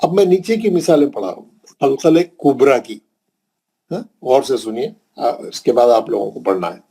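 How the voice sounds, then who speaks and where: A man's voice: mid-range voice, moderate pace, creaky, warm tone, breathy edge. A man from India with a Hyderabadi Urdu accent, teaching a Quran recitation class patiently, repeating points and checking in with his students. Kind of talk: classroom lesson.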